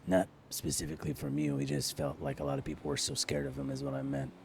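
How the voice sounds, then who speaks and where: A man's voice: a bass voice, very animated, fast, gravelly, darkish tone, slight background noise. A man in a casual in-character roleplay conversation, asking questions and chatting along. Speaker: roleplay player.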